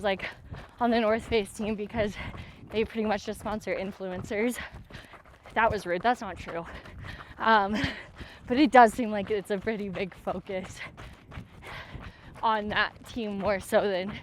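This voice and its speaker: A woman's voice: medium pitch, measured pace, long pauses, a little hiss or hum. A woman talking casually while running outdoors, in an informal, hesitant way full of fillers. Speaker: athlete and vlog host. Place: outdoors, on a run.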